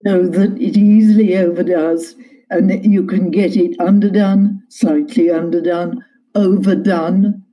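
Older Yorkshire-born woman, a measured storyteller, very slow delivery. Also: lowish voice, fairly even intonation, highs cut off. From Yorkshire, England. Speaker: guest, cookbook author. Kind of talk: interview over a call.

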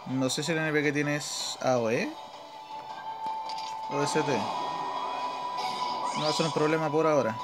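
The audio is poor, with game music behind a gaming host who has a Chilean Spanish accent. His voice is a little high and steady, unhurried, with long pauses as he offers informal commentary and thinks aloud mid-game.

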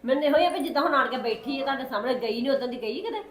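A woman's voice: high voice, expressive, crowd noise. A woman playing a sly, defensive neighbour. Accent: Punjabi. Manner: quick, protesting, repeats denials. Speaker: neighbour Sukhwinder. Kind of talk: Punjabi short-film acting.

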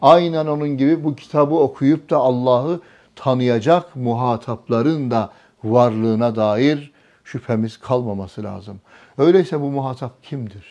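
A man's voice: mid-range voice, measured pace, warm tone. A man giving a religious talk to a small group, often asking the listeners questions and repeating their answers. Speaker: religious teacher.

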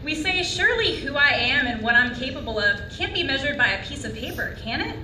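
Her voice is high, expressive and sharp, moving a little fast as this young woman delivers a heartfelt commencement address on an auditorium stage and questions her listeners. Captured on a lectern mic from afar, the hall echoes and a faint hiss or hum is present.

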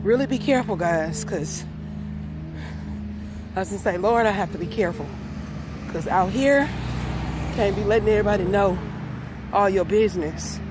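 A woman's voice: medium pitch, moderate pace, long pauses. A young adult woman casually chatting to viewers as she walks outdoors, holding a phone at arm's length. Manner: talking while walking outdoors, breathy sighs of exertion. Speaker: vlogger. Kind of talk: casual walk-along vlog. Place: outdoors on a residential street. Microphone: phone held at arm's length. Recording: very noisy outdoor street recording. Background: street and traffic noise.

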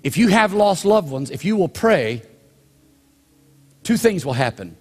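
Older pastor preaching in a reverberant church. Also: male voice, high voice, sing-song, darkish tone. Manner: storytelling, drawn-out pauses, slows down for emphasis. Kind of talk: sermon. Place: church sanctuary. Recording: long hall reverb of a church sanctuary.

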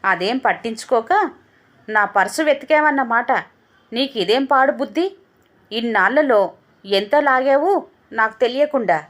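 A woman voicing a scornful, arrogant drunken husband in a storybook tale, talking with a sneer and shouting at his wife. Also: on the high side, lively intonation, measured pace, pauses often.

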